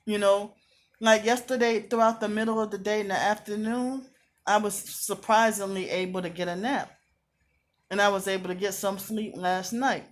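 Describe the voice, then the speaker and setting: A woman talking casually to camera from a hotel room, aggrieved and repetitive, often clearing her throat, sounding tired. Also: medium pitch, steady tone, normal speed. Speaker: vlogger.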